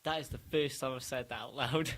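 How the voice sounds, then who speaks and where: A young Welsh man in his early twenties, co-hosting a casual podcast. He talks in a chatty, teasing way at a middling pitch. A faint hiss sits under the recording. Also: fairly even intonation. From Wales. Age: 20s. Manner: chatty, quick to laugh and tease. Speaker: podcast co-host. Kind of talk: casual chat.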